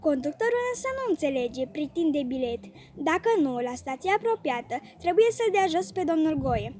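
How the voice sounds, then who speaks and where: A woman reading a classic comic story aloud as an audiobook narrator, with clear, measured storytelling. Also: high-pitched. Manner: clear, measured storytelling with lively quoted voices. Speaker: audiobook reader.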